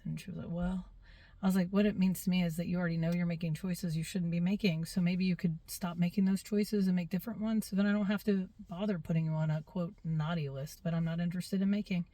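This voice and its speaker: A middle-aged woman, a substitute teacher, telling a story in a casual, animated way and acting out the kids and herself. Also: on the low side, dry recording. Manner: animated, quotes herself and kids in lively voices.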